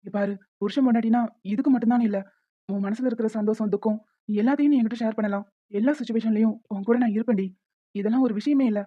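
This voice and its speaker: A woman's voice: fairly high pitch, fairly even intonation, fast talker, muffled recording, lightly acted. Woman voicing a soothing cartoon young husband. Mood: comforting. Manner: soothing, reassuring. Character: gentle comforting young husband.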